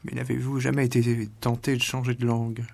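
A man's voice: medium pitch, flat delivery, a little fast, gravelly, a little mellow, slight background noise. A male radio interviewer asking short, probing questions.

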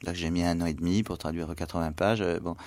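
A male writer giving a radio interview, hesitant, full of fillers and stammered restarts, sometimes dropping to soft asides. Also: low-pitched, steady tone, fast talker. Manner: trails off to soft, near-whispered asides. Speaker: writer and translator being interviewed. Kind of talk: radio interview, musing and literary. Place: radio studio.

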